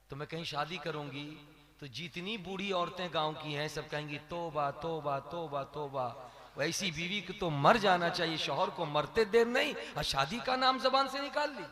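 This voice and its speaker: A male preacher delivers a funny sermon, animated and teasing, and keeps urging the crowd to answer. His voice sits high and sounds sharp and bright. The sound carries the long reverb of a large hall. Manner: animated, joking, prods the audience to respond. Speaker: Islamic preacher. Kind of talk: humorous religious sermon.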